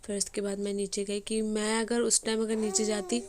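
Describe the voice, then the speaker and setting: A young woman with a hoarse voice, chatting casually as she narrates her day in a home vlog. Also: mid-range voice, level tone, moderate pace. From Bengali family. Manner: chatty, rambling with fillers. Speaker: vlogger.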